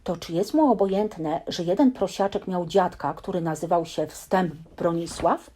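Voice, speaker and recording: A woman reading a bedtime story aloud in a lively, expressive storytelling manner. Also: lowish voice, measured pace.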